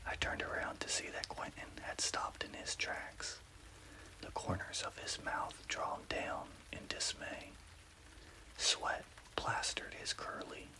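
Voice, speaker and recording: A man narrating a scary story as ASMR in an unvoiced, breathy whisper, with careful scripted delivery. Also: sharp tone, low-quality recording.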